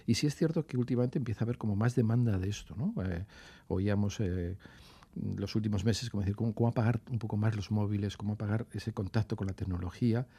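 Husky, dark-voiced man on radio. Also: lowish voice, quick pace. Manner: thoughtful, hesitant, many restarts. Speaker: radio regular contributor, music institute director. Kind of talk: casual radio chat. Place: radio studio.

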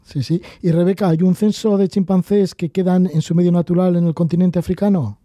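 A man's voice: sits high, flat delivery, brisk, warm tone, dry recording, clean studio sound. A male interviewer asking curious, direct questions.

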